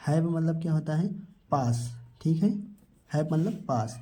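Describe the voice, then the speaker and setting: A man's voice: a little high, unhurried, mellow. Man teaching, quizzing himself aloud. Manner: asks questions and answers them himself, repeating each word; addresses viewers as children. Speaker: English teacher. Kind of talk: spelling and pronunciation lesson.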